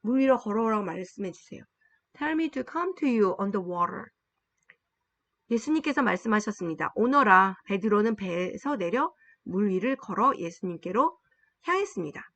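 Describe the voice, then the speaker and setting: A woman runs a Bible-based English lesson: she explains in Korean, reads the English slowly and deliberately, and repeats phrases for followers. Her mid-range voice is expressive. The recording is muffled but free of echo.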